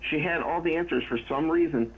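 A man's voice: on the high side, fairly quick, husky, narrow, tinny audio. A man co-hosting a podcast, chiming in with casual questions and jokes about a movie. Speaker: podcast co-host. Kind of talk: casual movie review chat.

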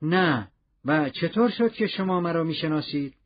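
A man's voice: fairly high pitch, lively intonation. Jean Valjean, a man reading a cautious fugitive. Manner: cautious, terse questions. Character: guarded middle-aged male fugitive, cautious and questioning. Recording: dull lo-fi audiobook recording.

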